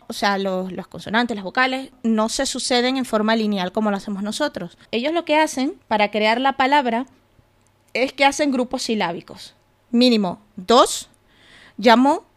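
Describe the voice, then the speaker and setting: A woman hosting a podcast, explaining step by step in a casual way with asides and rhetorical questions. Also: on the high side. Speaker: podcast host.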